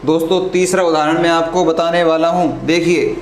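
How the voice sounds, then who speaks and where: A man teaching a live online grammar lesson, asking questions and answering them himself, calling his students "friends" and clearing his throat often. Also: on the high side, level tone, moderate pace. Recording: echoey room with faint noise.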